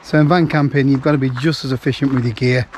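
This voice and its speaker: A man's voice: mid-range voice, fairly even intonation, fast, a little mellow, slight background noise. A man vlogging on a camping trip in a camper van, chatting casually with dry, self-mocking jokes. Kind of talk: casual vlog chat.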